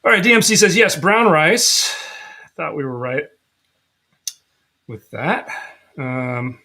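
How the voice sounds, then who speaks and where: A man's voice: mid-range voice, lively intonation, unhurried, gravelly, pushed and bright. A man co-hosting a whiskey tasting livestream, chatting casually, reading out viewer comments and laughing often. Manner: rambling, reads out viewer chat, laughs often. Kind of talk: casual chat.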